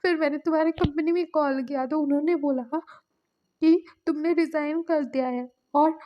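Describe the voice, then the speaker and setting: A woman voicing an upset young man in a spoken storybook, tearful and quick to scold. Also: medium pitch, husky, lo-fi sound, natural voice. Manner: scolding, crying outbursts.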